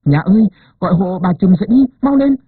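Breathless peasant woman in labor wailing high, swoopy - a guy reading her, husky, phone-ish audio. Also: expressive, fast, no room sound. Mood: desperate. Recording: narrow phone-like sound.

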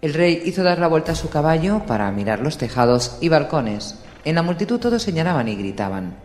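A man reading an audiobook in a steady, measured storytelling voice. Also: on the high side. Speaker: audiobook narrator. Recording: echoey room with long reverb, faint hiss.

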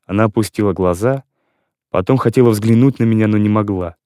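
A man reading a classic novel as an audiobook, narrating in an earnest, measured first-person voice. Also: lowish voice, warm tone, dry recording, studio quality. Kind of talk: scripted literary narration.

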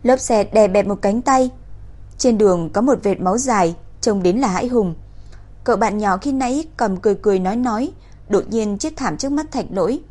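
A woman reading a crime novel aloud in an even, steady storytelling voice. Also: mid-range voice, fairly quick. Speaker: narrator. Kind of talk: audiobook narration.

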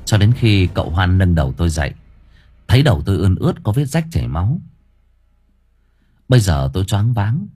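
A man narrating a first-person audiobook story in a dramatic, lively way. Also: sits low, a little fast, long pauses, slightly rough.

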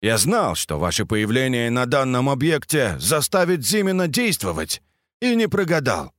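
A man voicing a cold, calm villain professor in an audiobook story, speaking mockingly. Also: medium pitch, normal speed, no echo, studio quality, lightly acted.

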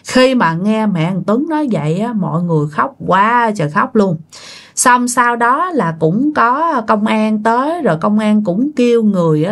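A woman tells a ghost story in a chatty, conversational way. She often turns to speak directly to her listeners, and her voice rises and falls in lively swings. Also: medium pitch.

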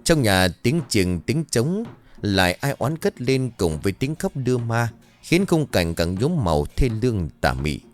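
A man's voice: medium pitch, very animated, a little slow. A man reading a horror story aloud in a dramatic, storytelling manner. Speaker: narrator. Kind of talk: scripted horror story narration.

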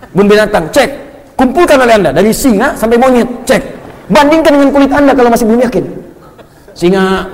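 A man giving an animated sermon, joking and mimicking accents to make his points. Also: high-pitched. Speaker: preacher. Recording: long hall reverb.

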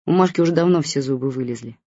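A woman's voice: extremely low pitch, quick pace, mellow, dry recording. Woman voicing a snappy blunt mother. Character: brisk, sharp-tongued grown daughter, a young mother. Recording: dull lo-fi recording.

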